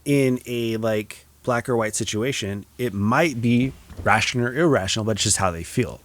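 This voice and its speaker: A man hosting a podcast, talking in a reflective, soft-spoken way with many casual fillers. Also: mid-range voice, moderate pace. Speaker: podcast host.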